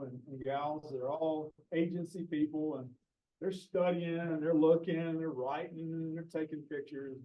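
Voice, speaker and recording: A botany professor in his forties tells a story to a group, casual and lively, jumping into the voices of the people in it. His voice sits a bit above the usual pitch for a man. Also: dull audio. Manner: animated, casual, acts out dialogue. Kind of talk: storytelling talk.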